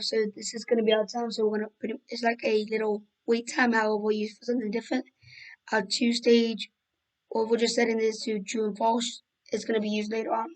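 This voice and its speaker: Hoarse from losing her voice, a tutorial host talks through her code in a relaxed screen recording. The pitch sits fairly high yet remains level, while she wanders, starts sentences over and fills gaps; the audio is rough.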